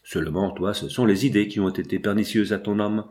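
A man's voice: lowish voice, fairly even intonation, brisk, darkish tone, natural voice. A man voicing an earnest young woman, wounded and reproachful, in a read-aloud novel. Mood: pleading.

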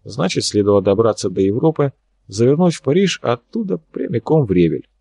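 A man reading an audiobook, narrating in an even, measured way. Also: mid-range voice, vocal fry, dry recording. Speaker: audiobook reader.

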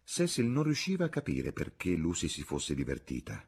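A man narrating a novel as an audiobook reader, in an expressive husky voice. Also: low voice, moderate pace. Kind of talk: scripted narration.

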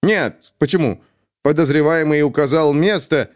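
A man's voice: a little high, moderate pace, pitched above the performer's own voice, natural voice. A man voicing an earnest, agitated young police captain who protests with passion in an audiobook. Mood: indignant agitated. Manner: agitated, impassioned. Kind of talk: audiobook character voice.

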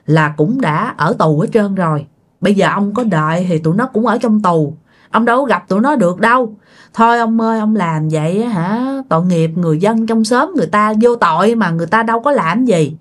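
A woman's voice: mid-range voice, close to an everyday voice. A woman with a Southern Vietnamese accent voicing a grieving widow who pleads with and scolds her dead husband.

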